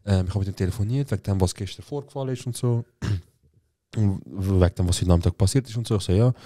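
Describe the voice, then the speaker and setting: Fast-talking young man. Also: fairly low pitch, warm tone. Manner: slangy, rambling, fast storytelling. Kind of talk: casual storytelling chat.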